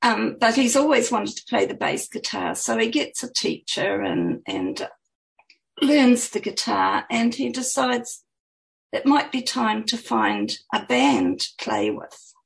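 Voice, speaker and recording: A woman's voice: on the high side, wildly swooping pitch, takes it slowly, gravelly, rough recording. A woman author talking about her book and reading from it in a chatty, hesitant way. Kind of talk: interview answers and reading aloud.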